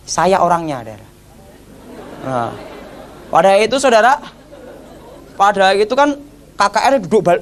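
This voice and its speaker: A male evangelist telling his testimony in an animated storytelling sermon, acting out voices. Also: sits high. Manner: animated, acts out voices, addresses audience as brothers.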